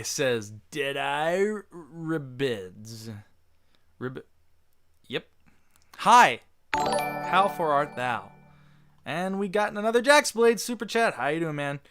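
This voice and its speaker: This man, whose voice is fairly high, hosts a casual livestream Q&A with background noise audible. He chats loosely, answering the chat and reading viewers' messages aloud.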